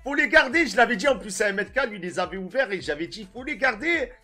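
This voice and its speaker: A young man with a French accent, a gaming streamer giving slangy pack opening commentary and shouting when a good card comes up. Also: high voice, lively intonation, fast talker, soft background music.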